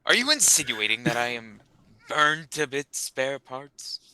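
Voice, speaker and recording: A man's voice: mid-range voice, very animated, measured pace, pushed and bright, clean tone, no echo, rough recording. A man playing a tabletop game with casual, mock-earnest, joking role-play.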